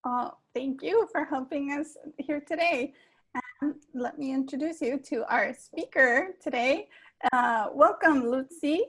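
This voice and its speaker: A woman's voice: sits high, measured pace. A woman hosting an online webinar, friendly and chatty, a little distracted while she introduces speakers. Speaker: webinar host.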